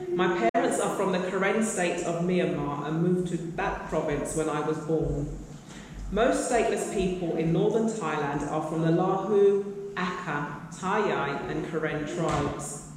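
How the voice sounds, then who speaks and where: A woman reading a written testimony aloud to an audience in a steady, measured manner. Her voice sits in a mid register. She is captured from far off in a large hall with heavy echo and faint background noise. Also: lowish voice. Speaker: missionary giving a report.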